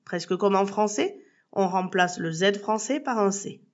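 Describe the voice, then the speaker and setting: Female podcast teacher, slow and methodical, spells out words letter by letter, slightly muffled recording. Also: mid-range voice. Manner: addresses the listener as tu. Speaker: Spanish teacher. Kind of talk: podcast lesson.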